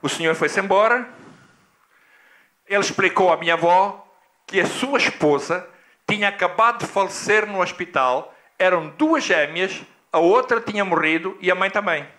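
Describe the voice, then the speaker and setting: A man from Angola, a pastor telling a personal story in a sermon, emphatic and dramatic. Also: sharp tone. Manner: emphatic, dramatic, with big swings in pitch.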